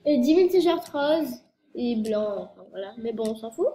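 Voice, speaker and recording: This youtuber is an early-teen French girl whose blocked nose betrays a cold; her vlog rambles with fillers and self-corrections. She sounds animated and warm, her voice on the high side at a moderate pace, in an echoey room with a little background noise.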